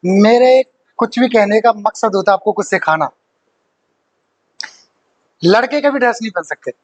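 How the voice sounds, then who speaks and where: A man's voice: sits high, moderate pace, low-quality recording. A man teaching an exam-prep grammar lesson, joking with his students, quizzing them and laughing often.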